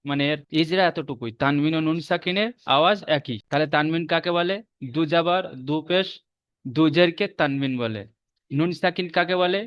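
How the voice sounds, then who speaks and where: A man with a Bengali accent teaching Quran reading in a recorded online lesson, repeating rules and slowly drawing out each letter. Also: a little high, smooth, no echo. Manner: slow drawn-out spelling of letters, repeats rules for memorizing. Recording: dull muffled lo-fi audio.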